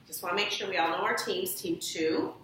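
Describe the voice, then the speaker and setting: Here the elementary school teacher's voice is lowish, fairly bright, and a little fast. She patiently instructs her pupils and prompts them with questions, heard from far away on a room mic in an echoey classroom with slight background noise.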